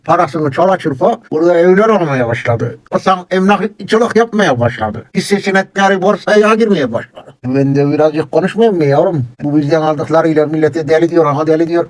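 A man's voice: sits high, fairly quick, close to an everyday voice. An actor playing a reproachful old male neighbor who rambles in complaint, in a comedy sketch. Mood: grumbling.

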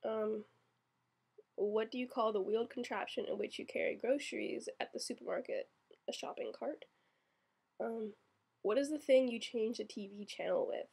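Chatty young woman with a creaky voice. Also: fairly high pitch, normal speed, darkish tone. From Florida. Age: 20s. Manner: chatty, many ums, reads word list aloud. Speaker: vlogger. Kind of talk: casual accent-tag vlog.

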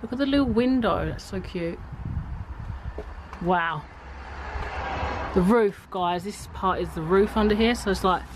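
A young woman chats to her viewers as she picks her way around an overgrown ruin, now and then calling softly for spirits. She is recorded outdoors on a handheld phone, with clear background noise around her. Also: medium pitch. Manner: chatty, addresses viewers as guys, hushed spirit calls. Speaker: paranormal explorer vlogger. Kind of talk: casual vlog narration to camera. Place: outdoors at a ruined overgrown gatehouse. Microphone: phone held at arm's length.

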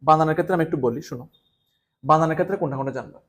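A man from Bangladesh runs an exam-prep lesson at a quick clip. He speaks straight to his students and hammers home key points through repetition. His voice sits a little higher than most men's. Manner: repetitive, emphatic, addresses students directly. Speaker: exam tutor.

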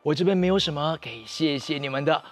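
A man's voice: on the high side, fast talker, natural voice. A man with a Taiwanese Mandarin accent voicing a grateful, courteous elderly host in a children's story. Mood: grateful, genial. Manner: polite, effusively thankful.

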